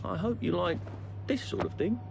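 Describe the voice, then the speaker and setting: A man's voice: high-pitched, wildly swooping pitch, normal speed, creaky, background noise, exaggerated voice. A man with a British accent playing a polite, nervous, mild-mannered hero in a video game. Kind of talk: video game character acting.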